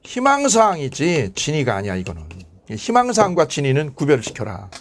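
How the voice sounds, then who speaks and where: Animated male exam-prep lecturer. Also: on the high side, fairly quick, slight background noise. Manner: animated, asks and answers his own questions.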